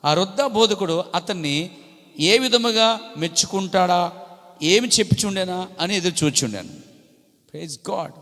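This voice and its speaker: A man with a Coastal Andhra Telugu accent preaching a sermon in church, with polite tags on his sentences and swelling louder on key phrases. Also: sits high, normal speed. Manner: polite "andi" tags throughout. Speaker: pastor. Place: church hall. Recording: long reverb of a church hall.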